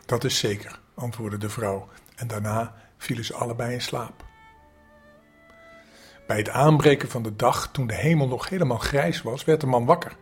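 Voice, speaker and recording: Brief: grandfatherly older man, calm bedtime storyteller, mid-pitched, soft music underneath. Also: normal speed, husky. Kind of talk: reading a bedtime story aloud.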